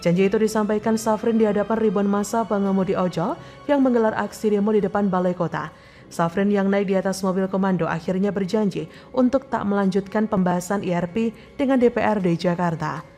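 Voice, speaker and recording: A woman reading a scripted, opinionated news commentary in a steady voice over a music bed. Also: medium pitch, fairly quick. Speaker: news narrator. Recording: faint music bed behind.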